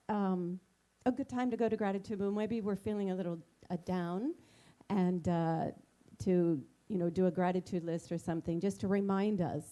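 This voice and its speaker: A woman co-leading a casual sermon, speaking gently and hesitantly with many fillers. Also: fairly low pitch. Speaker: spiritual community co-minister.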